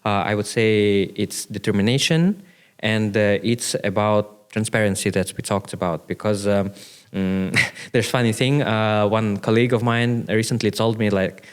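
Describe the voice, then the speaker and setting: A Russian man who speaks Russian as his first language, a business owner appearing as a podcast guest, talks in a low, smooth voice at normal speed. He's hesitant, answering in short bursts packed with "uh" and "like" during the casual interview.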